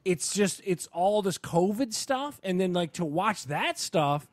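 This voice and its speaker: A man co-hosts a casual sports and entertainment podcast, rambling enthusiastically and emphatically. His voice sits high and is very animated, though his pace is measured, and there's no room sound.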